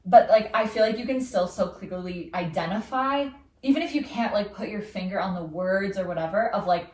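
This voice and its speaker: A woman's voice: mid-range voice, lively intonation, a little fast, a little mellow. A young woman co-hosting a casual chat podcast. She talks in an upbeat way and fills her sentences with "like". She sits a bit back from the mic, so her voice sounds distant and roomy. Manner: upbeat, lots of "like" fillers, reads quiz results aloud. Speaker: podcast co-host.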